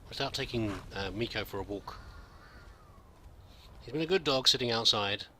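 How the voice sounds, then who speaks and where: A man's voice: mid-range voice, lively intonation, normal speed, pushed and bright, a little hiss or hum. A man giving casual, rambling game commentary, musing aloud hesitantly and politely as he plays. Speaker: gamer narrating a roleplay playthrough.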